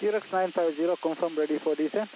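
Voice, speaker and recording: A man's voice: on the high side, fast talker. A male air traffic controller giving terse instructions in clipped phraseology over an aviation radio, like a helmet radio. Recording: dull lo-fi radio with faint hiss.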